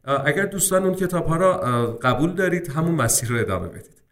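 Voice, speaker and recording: A man teaching English speaking-exam preparation in a casual lesson. He talks to viewers as friends, and his speech is full of English terms. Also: fairly high pitch. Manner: lively, addresses viewers as friends, mixes English terms into Persian.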